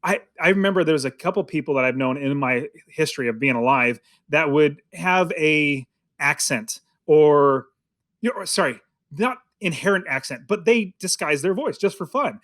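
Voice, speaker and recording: A man's voice: fairly high pitch, lively intonation, normal speed, a bit bright. Chatty man rambling about a film. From United States. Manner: rambling, many restarts and fillers. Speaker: podcast co-host. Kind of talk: casual film review chat.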